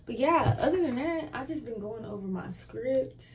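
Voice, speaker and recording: A woman's voice: on the high side, expressive, moderate pace, darkish tone. A young woman chatting casually to her camera as a vlogger, playful and self-mocking. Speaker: vlogger and TV anchor. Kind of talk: casual vlog chat. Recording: noticeable background noise.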